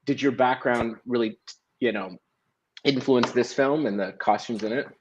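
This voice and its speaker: A man's voice: mid-range voice, normal speed, slight background noise. A man who is a film director, asking a fellow panelist a question in a nervous, rambling, effusive way. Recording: dull lo-fi sound.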